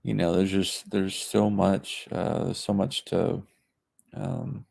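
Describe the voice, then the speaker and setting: A low, gravelly-voiced man chats on a livestream whose audio is plainly poor quality, the sound dry and close. He rambles in a halting way, stopping and restarting with frequent ums. It comes across as casual, unscripted streaming. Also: level tone, a little mellow, no echo. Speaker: livestreamer promoting his crowdfunding campaign. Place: a makeshift spot away from his usual setup.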